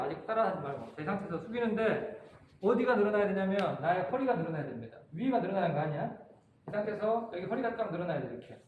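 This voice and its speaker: Male workshop instructor, high voice, directive coaching style, echoey room recording. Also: phone-quality sound. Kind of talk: hands-on workshop demonstration. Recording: very echoey room, faint room noise.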